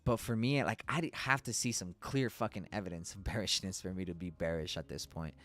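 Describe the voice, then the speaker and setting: Male trading-stream host, lowish voice, relaxed profane chat, soft music bed. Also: brisk. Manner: loose and chatty, swears casually, laughs often. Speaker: trading educator hosting a live stream. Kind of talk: casual live-stream market analysis.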